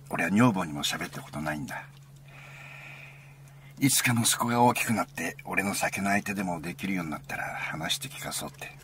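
A man reading a first-person story aloud as an intimate, conversational monologue, sometimes dropping into a hushed near-whisper. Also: low-pitched, slight background noise. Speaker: narrator.

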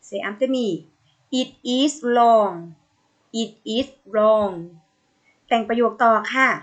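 A woman with a Thai accent teaching English to young pupils in a recorded video lesson, gently drawing out model phrases for the children to repeat. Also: on the high side. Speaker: primary school English teacher.

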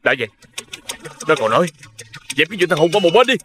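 An actor playing a hot-headed male gangster in a shouting, abrasive quarrel. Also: a little high, very animated, fast, exaggerated voice. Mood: heated. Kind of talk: crime drama acting.

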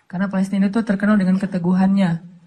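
A man's voice: high voice, very fast. A man from Aceh preaching a humorous sermon, telling stories and acting out the voices he quotes. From Aceh, Indonesia. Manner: animated, joking, acts out quoted voices. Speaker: Islamic preacher.

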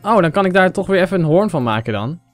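A young man from the Netherlands with a sore throat, giving excitable casual commentary over a game and talking straight to his viewers. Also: high voice, quick pace, no echo, soft background music. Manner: excitable, mixes English phrases, talks to viewers as 'jongens'. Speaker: gaming YouTuber. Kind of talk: casual Let's Play commentary.

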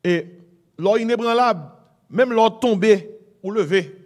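A man's voice: sits high, unhurried, a little mellow. A middle-aged man with a Haitian Creole accent preaching a sermon, mixing Creole and French, exhorting with "amen" and "hein?". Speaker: pastor.

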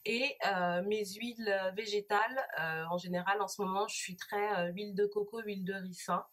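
A woman vlogger talking casually about hair products she bought, pausing often with fillers and restarts. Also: mid-range voice, fairly even intonation, a bit bright. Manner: hesitant, many fillers and restarts. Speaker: beauty vlogger. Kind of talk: casual product haul review.

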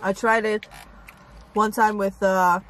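A woman's voice: medium pitch, flat delivery, slow, slight background noise. A woman hosting a mukbang food vlog, chatting casually with her audience while eating and sometimes stopping to search for a word. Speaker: mukbang channel host.

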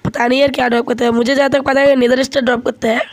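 Speaking very fast in a very high-pitched voice, a young male gamer jokes around with a friend while they play. The talk is casual, and he turns excitable in dangerous moments.

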